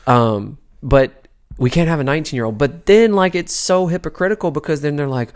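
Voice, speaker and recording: A man from the United States co-hosting a casual political chat podcast, talking in an animated, halting way with frequent restarts. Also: clear, resonant tone. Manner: animated, pitch jumps high when worked up. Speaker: podcast co-host.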